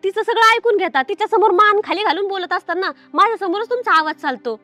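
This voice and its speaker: Actress as a fast-talking, high-voiced village wife, nagging and accusing, dry close sound. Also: female voice, lively intonation, sharp tone, dry recording, faint music behind, exaggerated voice. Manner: reproachful, nagging questions. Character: hurt, accusing village wife in her prime. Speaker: suspicious wife. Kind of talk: comedy film acting.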